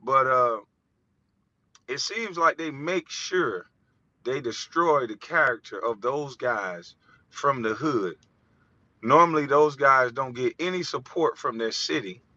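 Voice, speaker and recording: A man's voice: medium pitch, animated, slow pace, pushed and bright, dry recording. A man from the United States delivering an impassioned, profane vlog monologue, heated and preachy. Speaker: vlogger. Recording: dull, dry lo-fi recording.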